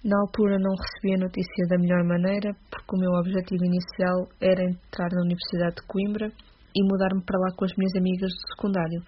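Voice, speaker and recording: A woman in her twenties with a European Portuguese accent reads a prepared testimony in a steady, read-aloud way. Her pitch barely moves. The recording sounds dull and lo-fi, with a faint hiss behind her. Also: fast. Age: 20s. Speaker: guest giving a testimony.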